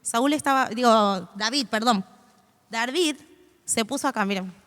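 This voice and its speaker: A woman's voice: a little high, measured pace, fairly bright tone. A woman in her twenties giving an informal, hesitant sermon to a live audience, with many fillers and restarts. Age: 20s. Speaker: youth church speaker. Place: stage in a hall before an audience. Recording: long hall reverb.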